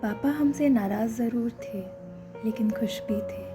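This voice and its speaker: A teenage daughter calmly looks back on a family lesson in a student drama, played by a young woman. She speaks slowly and thoughtfully, with a slightly high voice. Music plays clearly behind her. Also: natural voice. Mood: reflective. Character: teenage daughter, narrating and reflective. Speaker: daughter and narrator in a student skit. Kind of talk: amateur student drama acting.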